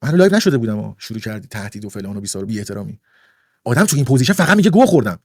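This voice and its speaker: A man's voice: lowish voice, very animated, dry recording, studio quality. A man ranting indignantly on a livestream, lecturing and repeating his points for emphasis. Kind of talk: heated livestream rant.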